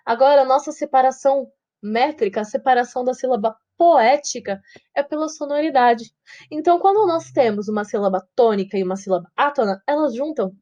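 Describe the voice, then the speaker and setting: A woman teacher with a Brazilian Portuguese accent, giving an online lesson. She repeats words slowly syllable by syllable and keeps checking with the class. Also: sits high, darkish tone, muffled recording. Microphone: video call setup, her own face on screen.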